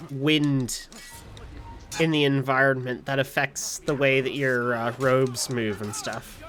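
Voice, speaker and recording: A man giving casual live gameplay commentary as a streamer, musing and halting as he talks. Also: medium pitch, steady tone, music in the background. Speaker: game streamer.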